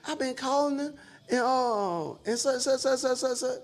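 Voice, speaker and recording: A man's voice: extremely high pitch, voice pushed up. A man voicing a flustered, hesitant woman manager who stammers over filler words while retelling a story. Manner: halting, repeats filler words.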